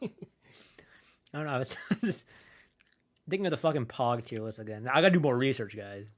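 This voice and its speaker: A male streamer talks into a desk microphone in a loose, rambling way, swearing freely and padding his sentences with "like." He chews and munches on snacks between words, and his voice sits at a middle pitch. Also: expressive, fairly quick. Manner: rambling, profane, full of "like" and restarts; chews and munches while talking. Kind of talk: casual live-stream chat.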